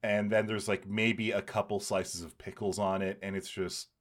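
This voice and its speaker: A man's voice: lowish voice, flat delivery, moderate pace. A man hosting a casual podcast, speaking in a playful, wordy, mock-dramatic way. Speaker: podcast host.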